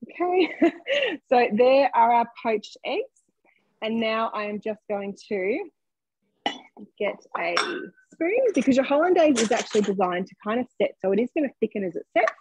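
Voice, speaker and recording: A woman's voice: fairly high pitch, expressive, moderate pace, darkish tone, slightly rough, no echo, highs cut off. A young woman presenting a live online cooking demonstration from her home kitchen, upbeat and chatty as she invites viewers to comment. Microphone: webcam on a video call.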